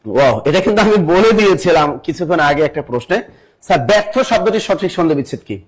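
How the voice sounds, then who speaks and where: A young adult man teaching a live online exam-prep class, spelling words out slowly, quizzing viewers and reading their comments aloud. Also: on the high side, sing-song.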